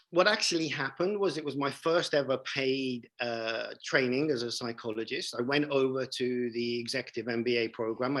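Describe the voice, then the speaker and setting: Man in his 40s, coach talking in an interview, keen and emphatic, average pitch. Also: a bit bright, poor audio. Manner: enthusiastic, emphatic, repeats phrases for emphasis. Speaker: leadership coach and trainer. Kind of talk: interview guest storytelling.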